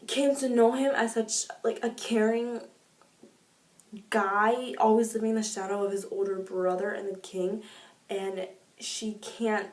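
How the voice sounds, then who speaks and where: Woman book vlogger, excitable and gushing, recorded from a distance in an echoey room. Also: unhurried. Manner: gushing, excitable, with sudden pitch jumps. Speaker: book reviewer. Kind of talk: casual book review vlog.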